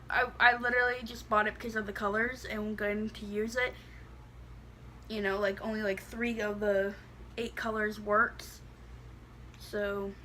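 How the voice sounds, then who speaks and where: A woman's voice: fairly high pitch, sharp tone, a little hiss or hum. A woman with a lisp that makes her s sound slushy, chatting casually and bluntly through a product review, rambling with lots of "like". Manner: blunt, rambling, heavy use of "like".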